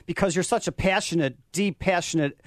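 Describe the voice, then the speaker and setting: An enthusiastic male talk show host with a high voice gushes over his guests. His voice sits close and dry on the mic, with no room sound. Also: a little fast, no room sound. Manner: enthusiastic, gushing interviewer.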